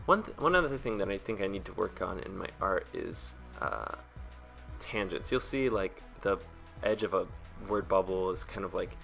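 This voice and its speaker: A man giving a casual, rambling voice-over in a hesitant, self-deprecating way, with vocal fry at the ends of his phrases. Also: sits low, expressive, moderate pace, fairly bright tone, faint music behind. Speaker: webcomic artist and video creator.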